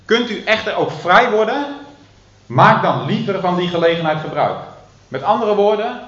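A man preaching a sermon, taking his time with pauses and pressing down on the words he wants to land. His voice sits a little high for a man. The sound is roomy and a bit muffled, as if captured from across a hall. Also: lively intonation, fairly bright tone. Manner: teaching with many hesitations and slow emphatic stresses. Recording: echoey room, muffled lo-fi sound.

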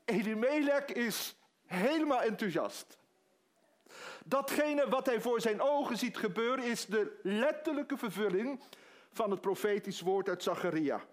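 Man, preacher, high voice, dramatic story-style sermon. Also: lively intonation, a little slow. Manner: dramatic retelling with quoted dialogue.

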